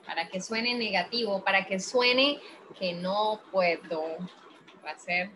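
A Colombian woman teaching an English grammar class, explaining slowly and patiently while questioning her students. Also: mid-range voice, pushed and bright, a little hiss or hum, low-quality recording. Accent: Colombian Spanish.

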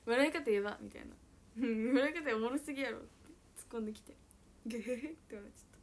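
A young woman with a high, bright voice and a chats casually with viewers on her livestream. She is bubbly and giggly, and she talks loudly. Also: fast, slight background noise. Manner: giggly, bubbly, frequent laughter; self-describedly loud voice. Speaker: idol livestreamer. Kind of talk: casual chat reading viewer comments.

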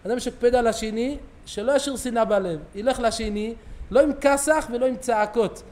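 In a synagogue, a middle-aged rabbi with a strikingly high voice delivers a sermon full of stories. He narrates with animation and acts out the lines of each character as he goes.

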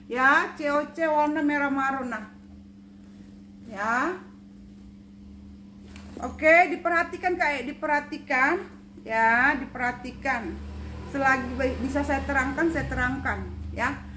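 A woman's voice: sits high, slow, pauses often, pushed and bright. A woman running a chatty live-stream sale of second-hand bags, repeating prices and coaxing viewers with endearments. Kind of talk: live-stream sales pitch. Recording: roomy echo, faint background noise.

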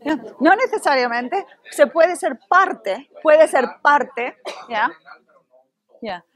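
This university Spanish instructor from Spain has a Spanish accent and leads a playful, energetic workshop, coaxing responses from her listeners. She speaks in a high voice and takes things slowly.

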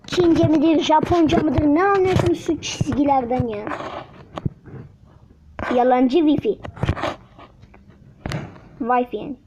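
High-voiced woman who can't say r, noisy recording. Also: slow pace, long pauses. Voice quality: speech impediment, cannot pronounce r, substitutes l or y. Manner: chatty, exclaiming and muttering to self while playing. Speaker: gaming channel host. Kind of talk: casual gameplay commentary. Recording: dull lo-fi mic with loud noise.

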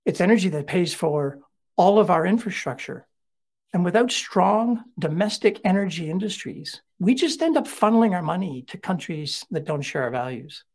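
A middle-aged man giving a keynote talk, telling stories with lively conversational asides. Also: sits high, moderate pace, slightly rough. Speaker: keynote speaker.

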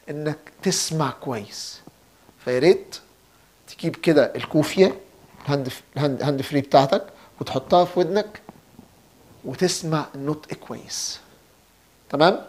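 A young man with an Egyptian Arabic accent teaching Italian in a casual lesson, repeating each word slowly and clearly for learners. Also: a little high, a little mellow. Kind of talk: casual spoken language lesson.

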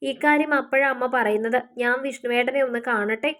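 An anxious, tearful young girl pleads and frets, her high voice worried but held in, as a woman storyteller puts her on. It stays close to an ordinary read-aloud voice. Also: brisk, a bit bright. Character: teenage girl, tearful and devoted.

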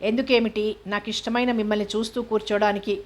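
Chatty village girl, playful and devoted, read by a woman, even pitch. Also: close to an everyday voice. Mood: confiding. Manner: rapid, confiding chatter.

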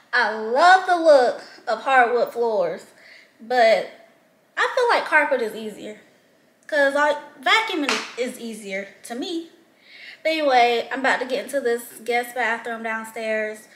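A woman's voice: a little high, a little slow. Chatty young woman in echoey kitchen. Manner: chatty, relaxed, addresses viewers as y'all. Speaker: vlogger. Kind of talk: casual clean-with-me vlog chat. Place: home kitchen and living room, indoors. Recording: echoey room.

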